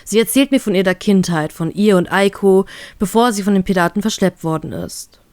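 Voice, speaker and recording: A woman reading a fan story aloud in steady first-person narration. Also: mid-range voice, fairly quick, dry recording. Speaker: fanfiction reader.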